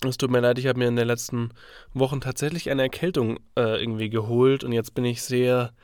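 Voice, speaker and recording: A mid-pitched man with a cold hosts a solo podcast, sounding stuffy and congested as he thinks aloud loosely with fillers. His delivery is brisk and a little mellow with little pitch movement. The tone is clean and the recording dry and close, with no echo or room sound.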